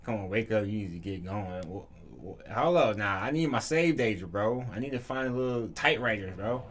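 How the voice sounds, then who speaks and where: A man's voice: fairly low pitch, expressive, a little fast, a little hiss or hum. A young man giving casual, reactive game commentary, slangy and sweary, often repeating himself. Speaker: gaming video host. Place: small furnished room indoors. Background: game music.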